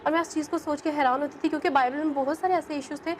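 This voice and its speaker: Young woman from pakistan telling her story in an interview, high voice, earnest, keeps saying believe me. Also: fairly even intonation, slight background noise. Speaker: guest. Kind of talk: personal testimony in an interview.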